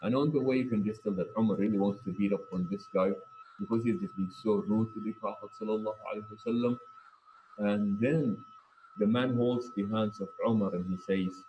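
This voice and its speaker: A man's voice: lowish voice, fairly even intonation, a little fast, lo-fi sound, a little hiss or hum. A man giving a sermon at a mosque, telling stories emphatically and repeating key phrases. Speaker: mosque speaker. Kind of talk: sermon talk.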